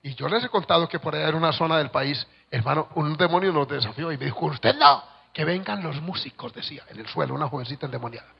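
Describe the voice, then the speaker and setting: A man preaching a sermon as pastor, telling a story and swinging from hushed tones to shouts. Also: a little high, fast talker, vocal fry, few pauses, husky. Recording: dull lo-fi recording with long hall reverb.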